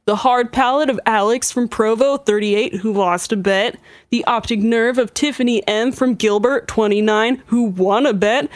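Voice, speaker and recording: A woman's voice: on the high side, moderate pace, no room sound, close to an everyday voice. A woman voicing a laid-back young surfer-bro man reading a parody ad in slangy, salesy bro talk. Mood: hyped salesy. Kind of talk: parody ad read.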